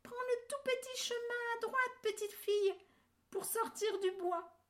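A tiny, gentle baby bear from a storybook, squeaking in a very high, small voice. He sounds plaintive and childlike throughout. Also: measured pace. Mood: eager.

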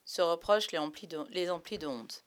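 A woman's voice: lowish voice, normal speed. Woman reading a children's story. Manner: expressive, lively reading.

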